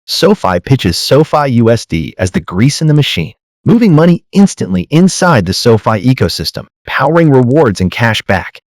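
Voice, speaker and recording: A man with a mid-pitched voice delivers scripted parody news anchor narration. He presents in a mock-serious, comedic way, setting up punchlines like a show host. The sound is dry and close, with no room echo. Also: darkish tone.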